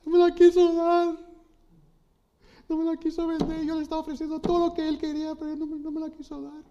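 A man voicing a sulking adult king who whines in a tantrum, in a high complaining voice. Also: monotone, a little fast, mellow, a little hiss or hum. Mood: whining. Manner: high-pitched whiny complaining. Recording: slightly dull lo-fi audio.

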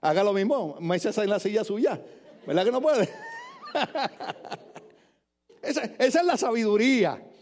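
Older Puerto Rican pastor, high voice. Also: male voice, expressive, a little slow, pauses often, a little mellow. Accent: Puerto Rican Spanish. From Puerto Rico. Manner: playful, joking asides between emphatic preaching. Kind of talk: sermon. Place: church with congregation.

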